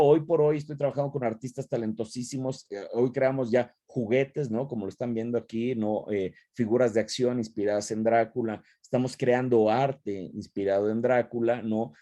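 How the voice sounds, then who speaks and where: A man's voice: mid-range voice, dark tone, dry recording. Man lecturing, dry close sound. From Mexico. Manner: frequent tag questions and restarts. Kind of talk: online talk with Q&A.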